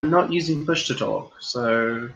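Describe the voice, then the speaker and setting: A man with a mid-range voice chats in an easygoing, unhurried way during a tabletop game. He comes through an online group voice call, and the audio drops out now and then. The sound is dull and lo-fi. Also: medium pitch, vocal fry, a bit bright. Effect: online voice chat, audio cutting out. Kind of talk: casual group voice chat.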